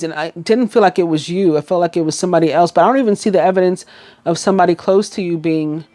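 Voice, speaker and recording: A woman's voice: on the low side, a little mellow. A woman with a New York accent giving a casual, rambling tarot reading, full of fillers and restarts. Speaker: tarot reader.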